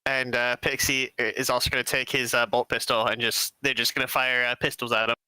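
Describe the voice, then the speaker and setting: A man playing a tabletop game over a voice call, his audio cutting out as he talks in a halting way full of fillers. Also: mid-range voice, level tone, bright, forceful tone, clean tone, dry recording, rough recording. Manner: hesitant, halting with many fillers. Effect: audio cutting out over a weak online call. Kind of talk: casual tabletop game play over voice chat.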